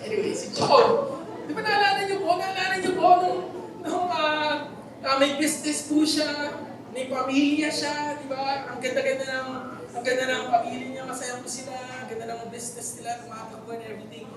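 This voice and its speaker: Preaching in a church hall, a Filipino-accented man from the Philippines mixes jokes into his stories and quizzes the congregation. His very high voice is flat and moderately paced, with crowd noise, faint background noise, and heavy echo as his voice carries from a distance.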